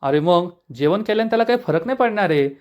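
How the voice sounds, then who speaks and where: A man's voice: high voice, lively intonation, quick pace, a little mellow, lo-fi sound. A man voicing a stubborn young village brother who mocks the others, in an episode recap. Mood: mocking. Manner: mocking, sarcastic.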